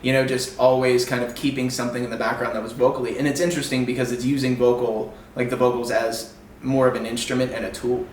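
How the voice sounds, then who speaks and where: A male music producer giving casual reaction commentary, rambling loosely with lots of fillers and sometimes singing in falsetto. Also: little pitch movement, quick pace, distant mic, a little hiss or hum. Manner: sings snippets in falsetto. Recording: roomy, off-mic, faint music behind.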